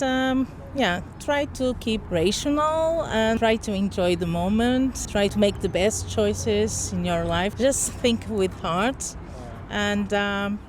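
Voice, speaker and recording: A woman from Portugal in her fifties talks outdoors in a city street interview, and Portuguese is her first language. She speaks in a thoughtful, halting way and pauses to search for words. Clear traffic noise runs behind her. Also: mid-range voice. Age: 50s.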